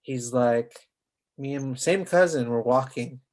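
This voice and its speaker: A man's voice: mid-range voice, slow pace, a little mellow. A man from Southern California co-hosting a podcast, talking bluntly and swearing freely. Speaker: podcast co-host. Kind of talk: casual podcast chat.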